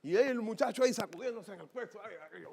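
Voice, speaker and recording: Man pastor, high voice, dramatic sermon storyteller, swings from shouts to hushed asides, prompts amens. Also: very fast, vocal fry. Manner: calls the congregation for amens.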